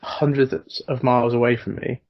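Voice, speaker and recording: A British-accented man in a casual podcast chat who argues his points with earnest conviction. His pitch is ordinary and middle. The audio is dull and muffled, like a voice coming through an online call. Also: fairly even intonation, normal speed. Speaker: co-host.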